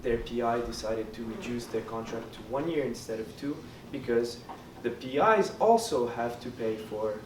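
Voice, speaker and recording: A French-speaking student running in an election answers questions at a debate in a lounge hall. His medium-pitched voice moves at a moderate pace with few pauses, earnest but hesitant and full of fillers. The recording is roomy, with a distant mic and background noise.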